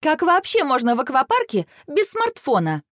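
A young sparrow girl, shrill and excitable, forever fretting over her phone, as a woman puts her on. Her voice leaps very high and lively, recorded dry and close. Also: measured pace, dry recording. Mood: shrill, upset. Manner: shrill, wailing.

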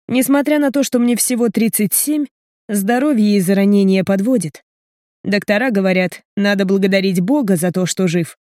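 A woman narrating an audiobook in an even, measured way. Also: medium pitch, dry recording, clean studio sound. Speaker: audiobook reader.

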